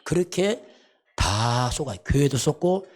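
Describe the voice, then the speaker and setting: A man's voice: mid-range voice, big pitch swings, a little slow. A man preaching a sermon as pastor, emphatic and repetitive, often asking rhetorical questions. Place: church sanctuary.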